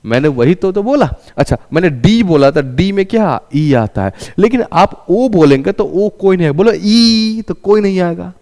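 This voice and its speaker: Lively-voiced man teaching an English class. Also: high voice, moderate pace, few pauses, long reverb tail. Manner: asks questions and answers them himself; calls students "raja".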